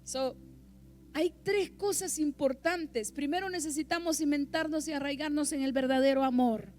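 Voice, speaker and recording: A middle-aged woman preaches in a church with a high-set voice, building to loud, emphatic peaks as she drives her points home. Faint music plays softly behind her. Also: moderate pace. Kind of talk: sermon.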